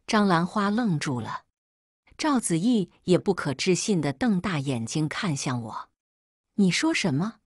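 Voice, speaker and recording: A woman narrating a first-person family drama story in a calm, cool telling. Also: lowish voice, measured pace, husky, dry recording, studio quality.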